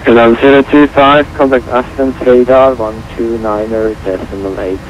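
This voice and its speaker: A man's voice: mid-range voice, steady tone, normal speed. A man working as an air traffic controller, speaking in clipped procedural phrases over an aviation radio. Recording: muffled, noisy aviation radio transmission.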